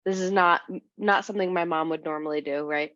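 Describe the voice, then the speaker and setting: A young woman from New Hampshire, a podcast guest telling a long anecdote casually, full of "like" and "um", and lively when she quotes people. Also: low-pitched, fairly quick, no echo. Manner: rambling, heavy use of "like" and "um"; animated when quoting others. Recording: dry, slightly muffled podcast mic.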